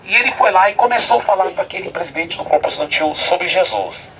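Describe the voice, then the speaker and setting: A man's voice: high voice, animated, fast talker, fairly bright tone, far from the mic, a little hiss or hum, rough recording. A male pastor preaching outdoors, telling a story animatedly and often laughing as he goes. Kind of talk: sermon with storytelling. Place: outdoors at a hilltop site.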